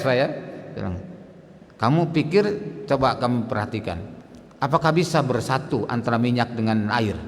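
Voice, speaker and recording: A man preaching at a mosque, telling a story dramatically and acting out the dialogue. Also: medium pitch. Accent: Indonesian. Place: mosque hall. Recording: long hall reverb in mosque.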